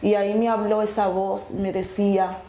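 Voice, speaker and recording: A woman telling her testimony earnestly, halting and restarting often. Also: medium pitch, little pitch movement, dark tone. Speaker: guest sharing her testimony. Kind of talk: emotional personal testimony. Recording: echoey room with faint noise.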